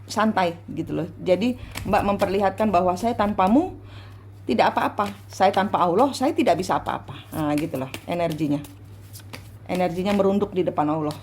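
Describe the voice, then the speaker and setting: A woman giving a private tarot reading, coaching her client slowly and repeating her instructions. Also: fairly low pitch, darkish tone, slight background noise. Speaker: tarot reader.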